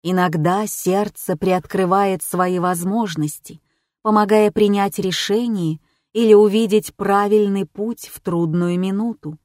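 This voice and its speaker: Calm woman narrating an audiobook. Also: mid-range voice, no echo, clean studio sound. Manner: measured, calm storytelling. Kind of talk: first-person audiobook narration.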